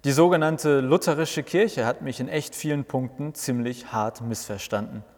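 A man's voice: mid-range voice, normal speed, darkish tone, lightly acted. Man putting on a blustering old church reformer. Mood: indignant. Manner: blustering, complaining. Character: grumpy indignant old male church reformer. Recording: long reverb.

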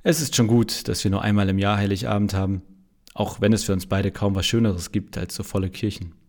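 A man's voice: fairly low pitch, steady tone, brisk, a little mellow. A male pastor narrating a humorous story in a dry, wry manner.

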